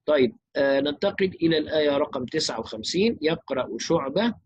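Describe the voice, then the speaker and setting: Husky man teaching Quran recitation. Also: a little high, no room sound, lo-fi sound. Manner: explains quickly, then recites verses slowly in melodic chant. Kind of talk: recitation lesson with chanted verses.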